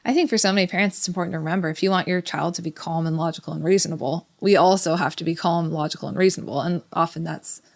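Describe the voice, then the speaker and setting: A woman's voice: on the low side, very fast, hardly any pauses. A woman co-hosting a parenting podcast, talking casually and telling stories about her own family. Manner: warm storytelling, reflective. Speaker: podcast co-host.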